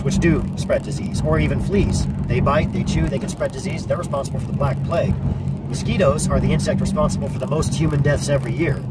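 A man in his forties, a pest control technician, giving earnest, practical advice in a casual talk from a parked car. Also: medium pitch. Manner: earnest, practical advice with frequent "you know" and restarts. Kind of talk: casual explainer monologue. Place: parked car, indoors of vehicle. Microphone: camera on dashboard. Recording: distant car-cabin sound with loud background noise.

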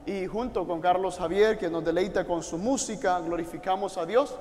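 A man's voice: high-pitched, normal speed. A male priest with a Puerto Rican Spanish accent leading a memorial mass, speaking pastorally and directly to those watching at home. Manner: warm pastoral, direct appeals to listeners at home. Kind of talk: liturgical address to an online congregation. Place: church altar. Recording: long church reverb.

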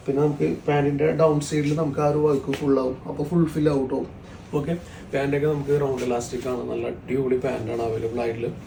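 A man's voice: medium pitch, flat delivery, fast talker, creaky, mellow. Roomy-sounding Kerala man mixing in English. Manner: mixes many English words into Malayalam; repetitive, salesy patter with frequent tag words. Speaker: shop presenter selling women's outfits. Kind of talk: sales pitch showing products. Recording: roomy, distant mic, faint background noise.

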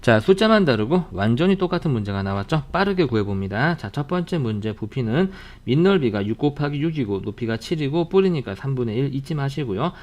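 A man teaching a math lesson in an online video lecture, walking through problems briskly and repeating reminders between friendly asides. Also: mid-range voice, animated.

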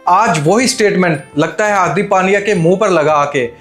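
Young man with high voice breaking down a match. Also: normal speed, a bit bright, echoey room, faint music behind. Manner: rhetorical questions, mixing in English phrases. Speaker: cricket commentator. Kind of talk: opinionated match analysis to camera. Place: indoor studio set with armchair. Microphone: lapel mic.

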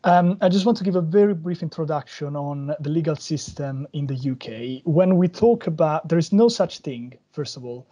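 A man from Italy with an Italian accent, giving a measured, explanatory webinar presentation over a video call. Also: on the high side, lively intonation, warm tone, lo-fi sound. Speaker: policy advisor speaker.

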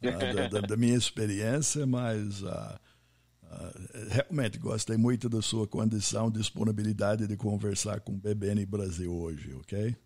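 An American man, a podcast host, speaking Portuguese in a friendly business interview and slowly spelling out names and web addresses. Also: fairly low pitch, a little mellow. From United States.

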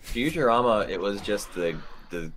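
A man's voice: lowish voice, expressive, moderate pace, a crowd in the background. Playful man teasing while gaming. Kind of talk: casual group banter.

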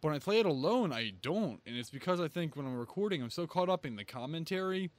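A man giving excitable let's-play commentary, swearing freely and breaking into loud yelps. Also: a little high, fast talker. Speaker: gaming video creator.

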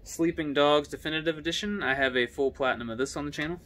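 A young man casually running through his video game collection, giving quick offhand comments on each title. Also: fairly high pitch, background noise. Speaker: gaming YouTuber.

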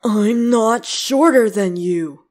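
A woman with a slightly high, darkish voice speaks slowly, playing a brooding, clingy, possessive young male demon slayer in a boyfriend ASMR roleplay. Defensive in mood, she grumbles and hesitates between sighs.

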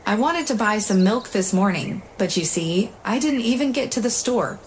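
A woman voicing a frail, lonely old grandmother who speaks softly and weakly, with faint noise in the recording. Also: medium pitch, lively intonation, moderate pace, lightly acted. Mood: weary. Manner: soft, weak-voiced.

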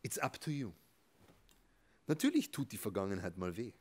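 Animated male rabbi giving a talk. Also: fairly low pitch, normal speed. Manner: emphatic, swings between soft and loud. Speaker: rabbi and therapist. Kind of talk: motivational religious talk.

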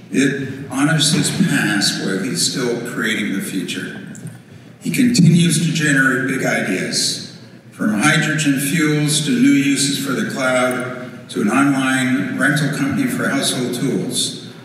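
A man's voice: medium pitch, a bit bright, a little hiss or hum. A man at a podium giving a prepared award introduction, with light jokes. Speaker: awards presenter. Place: large theater stage. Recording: echoey theater from far off.

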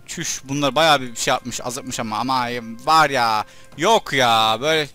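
A young man giving casual commentary over his gameplay, chatting to his troops and breaking into loud excited shouts during fights. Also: mid-range voice, unhurried, soft background music. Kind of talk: let's play commentary.

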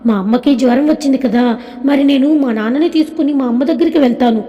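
A woman's voice: sits high, fast talker, big-room sound, dull audio, natural voice. A woman voicing a small girl who is tearful but bold, talking in a sweet, pleading child's way.

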